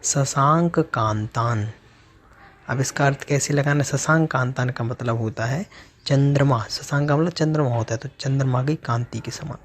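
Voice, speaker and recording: Male religious teacher, husky voice, slow chanted verses, then word-by-word explanation. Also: medium pitch, steady tone.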